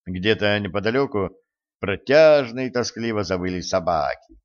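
A man reading narration for an adventure audiobook in a steady, measured way. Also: lowish voice, highs cut off. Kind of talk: scripted narration.

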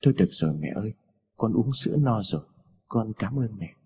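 A man's voice: lowish voice, lively intonation, brisk, slightly rough, voice pushed down, heavily acted. Man reading as a frail sickly little girl. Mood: weak tearful. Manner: soft, pleading.

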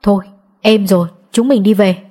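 A woman's voice: medium pitch, fairly even intonation, moderate pace, warm tone, lightly acted. A woman voicing a blunt, scolding village wife in an audiobook story. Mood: chiding.

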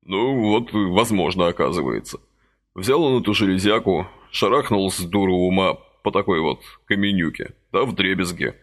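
A man voicing a reluctant, gruff abducted young man who grumbles his replies in an audiobook. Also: low-pitched, moderate pace. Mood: grumbling. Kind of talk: audiobook character voice.

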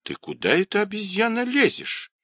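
A man voicing an old woman teahouse keeper in her sixties or more, shrill and scolding. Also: sing-song, unhurried, a bit bright, dry recording, clean studio sound.

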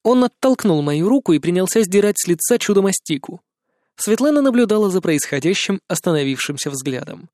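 High-voiced male audiobook narrator. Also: very animated, a little fast, a little mellow, no room sound, studio quality. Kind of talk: first-person audiobook narration.

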